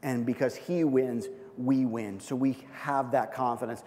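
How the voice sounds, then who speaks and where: A man's voice: mid-range voice, fairly even intonation, unhurried, warm tone. A man preaching a sermon as a pastor, emphatic, checking in with a repeated "okay?" after each point. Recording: long reverb of a large hall.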